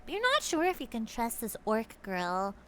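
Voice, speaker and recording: A woman's voice: wildly swooping pitch, moderate pace, heavy background noise. A woman streamer in a goddess persona, telling an improvised comic story in a playful, giggly way. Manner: playful, giggly, swooping pitch. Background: music.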